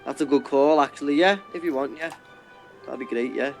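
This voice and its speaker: Halting man with a slightly high voice. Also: creaky, faint music behind. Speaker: guest co-pilot guiding the streamer. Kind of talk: casual step-by-step instruction.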